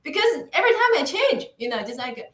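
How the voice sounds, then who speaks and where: A woman from northeastern China with a Chinese accent, a guest chatting casually in an interview with a soft voice, goofy and laughing often, with lots of fillers and restarts. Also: high voice, very animated, fast talker, echoey room, rough recording. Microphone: microphone.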